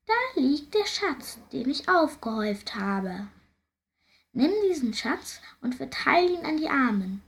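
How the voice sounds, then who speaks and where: A woman voicing a sighing, remorseful male ghost of an old squire in a storybook, in a high, plaintive, slow voice. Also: very animated, full character voice. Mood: instructing.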